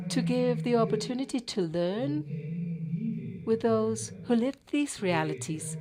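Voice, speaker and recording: Halting woman interpreting in a noisy hall. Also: fairly high pitch. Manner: halting, with cut-off words and restarts. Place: conference auditorium.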